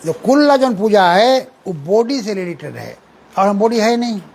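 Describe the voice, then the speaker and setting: A man delivers a scripture sermon in with a high, light voice. He explains patiently and breaks into recited Sanskrit verses. A faint background hiss runs under his words. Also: very animated, unhurried, gravelly, a little mellow, low-quality recording. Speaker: preacher lecturing on scripture.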